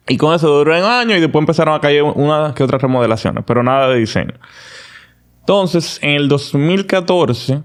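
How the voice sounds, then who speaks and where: A man appears as a podcast guest, telling his story in a casual, animated and confident way. His voice is medium-pitched, and he restarts often.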